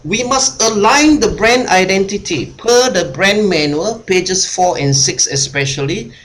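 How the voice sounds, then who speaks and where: Over a video call, a man runs an online workshop, coaching the group by repeating his points and tagging them with "huh?". His voice is a little high and a bit bright.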